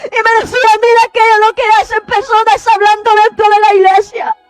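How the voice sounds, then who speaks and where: A woman preaches in a very high, narrowly pitched voice. She pleads fervently and often cries out through tears. The sound is close and dry, with soft music underneath. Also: fairly even intonation, fairly quick, dry recording. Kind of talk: impassioned testimony preaching.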